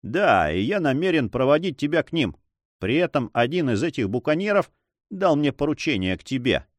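A man's voice: a little high, very animated, moderate pace, no echo. Man doing Don Sancho, a teasing young nobleman. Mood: earnest. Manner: ironic, light, bantering.

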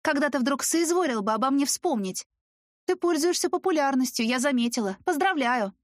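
A woman voicing a young female student who answers in a sharp, mocking, raised voice. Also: high-pitched, animated, brisk, no echo, clean studio sound, voice pushed up.

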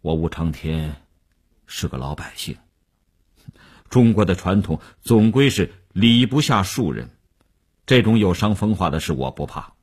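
A man playing a shrewd middle-aged businessman who talks in a slow, low, measured and persuasive way, with a husky voice. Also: lively intonation, heavily acted.

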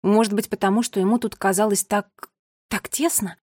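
A woman narrating a children's story in an even, measured reading. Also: mid-range voice, no echo, studio quality. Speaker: audiobook narrator. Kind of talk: scripted narration.

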